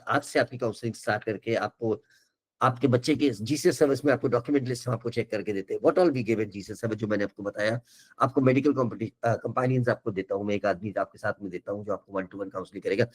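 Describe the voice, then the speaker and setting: A man's voice: mid-range voice, quick pace. An older man, an education counsellor giving an earnest, reassuring webinar talk that keeps switching between Hindi and English.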